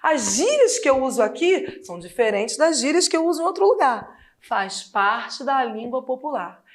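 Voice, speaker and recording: A woman with a Brazilian Portuguese accent, a Portuguese teacher giving a lively, chatty exam-prep lesson full of rhetorical questions. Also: sits high, moderate pace.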